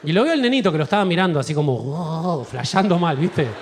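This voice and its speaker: A man with an Argentine accent doing a stand-up comedy set in a theater, telling animated stories and acting out voices. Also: fairly high pitch, quick pace, slight background noise. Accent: Argentine Spanish. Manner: animated storytelling with acted-out voices. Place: large theater with live audience.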